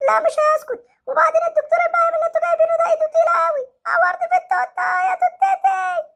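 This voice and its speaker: A woman voicing a cheeky schoolboy in a comedy sketch, ranting in a shrill wail and repeating threats. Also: level tone, rapid-fire, vocal fry, a bit bright, heavily acted. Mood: furious. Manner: shrill wailing rants, repeated oaths. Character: cheeky schoolboy, whiny, then furious and threatening.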